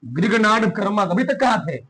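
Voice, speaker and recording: A man teaching a class, firing short questions at his students one after another. His voice sits very high and rings bright and forceful. He drills the class in a lively, commanding way. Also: rough recording. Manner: quizzing students with rapid questions. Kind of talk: classroom chemistry lesson.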